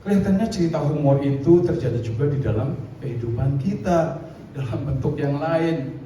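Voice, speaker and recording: A man preaching a sermon in a lively, conversational way with frequent asides to the congregation. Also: fairly high pitch, moderate pace. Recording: echoey room, distant mic, faint noise.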